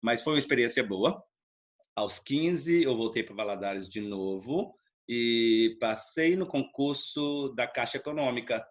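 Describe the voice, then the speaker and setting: In a mid-range voice, a little slowly, a middle-aged man from Brazil recounts his life story as an interview guest, the recording's highs cut off. His Brazilian Portuguese accent comes through as he talks in a rambling, relaxed manner full of tag questions.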